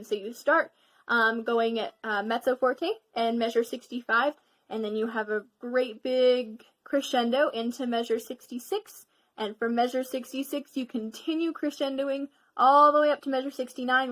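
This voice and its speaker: A woman's voice: on the high side, fairly bright tone. A teenage girl giving a casual violin section lesson, chatty and encouraging, with lots of ums. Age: teens. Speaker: student violin teacher.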